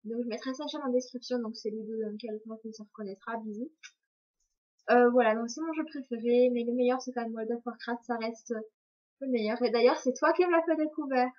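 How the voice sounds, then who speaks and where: A young woman with a slightly high voice rambles through viewer questions in a casual vlog. She trips over her words and laughs at her own slips. The sound is dull and lo-fi, like a cheap webcam mic. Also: a little fast. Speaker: vlogger answering viewer questions. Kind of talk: casual chat to camera.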